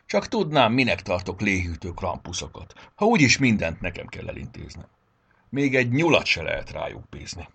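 A grumpy old Santa with a gravelly, husky voice, as a male storyteller puts him on. He scolds loudly and his pitch swings wide from line to line. The storybook reading makes him gruff but loving underneath. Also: huge pitch swings, full character voice. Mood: grumbling.

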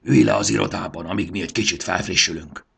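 Polite gruff storybook gent, guy voicing, low and gravelly, a bit husky. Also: fairly even intonation, a bit bright, full character voice. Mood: formal. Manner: polite, formal, slightly grumbling. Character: courteous, gruff grown-up man Módusz.

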